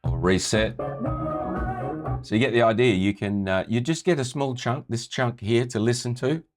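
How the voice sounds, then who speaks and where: A low-voiced man speaks at a moderate pace as a music tutor, casually guiding viewers through a screen-share tutorial and frequently checking in with "right?".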